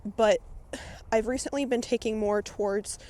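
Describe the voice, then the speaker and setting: Grooming her horse at an outdoor barn, a woman vlogs in a mellow, somewhat high voice with a steady tone and moderate pace. She rambles casually, using many filler words, and sounds breathless.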